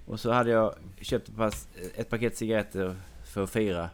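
A man with a somewhat low voice tells a long anecdote in casual conversation. He wanders from detail to detail as he goes. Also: fairly even intonation, smooth. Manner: long meandering anecdote told to a listener. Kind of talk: casual chat.

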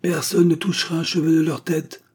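A man's voice: a little high, little pitch movement, brisk, darkish tone, breathy edge, voice pushed up. A man voicing a stern old village priest. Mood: commanding. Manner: commanding, preaching.

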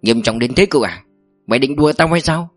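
A man's voice: mid-range voice, lively intonation, a little fast, no room sound, faint music behind, close to an everyday voice. Man doing a cunning security boss, blunt, audiobook read, dry sound. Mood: scheming. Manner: blunt, bossy. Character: sly older male security chief, scheming.

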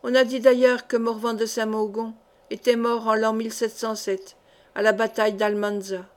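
A cunning, sneering seneschal, as a woman reads him in an audiobook. He speaks in a slightly raised register, measured and calculating. His scheming comes through in his sly, deliberate delivery. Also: fairly high pitch, little pitch movement, close to an everyday voice. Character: scheming, cunning middle-aged male seneschal. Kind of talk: audiobook character reading.

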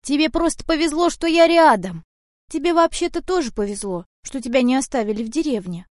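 A woman voicing a big, gruff, rude ginger tomcat who scolds and bosses people around, in an audiobook. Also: high voice, expressive, fairly quick, no echo, studio quality, pitched above the performer's own voice. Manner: loud, bossy, scolding. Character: old male house cat, gruff, rude protector. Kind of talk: audiobook character voice.

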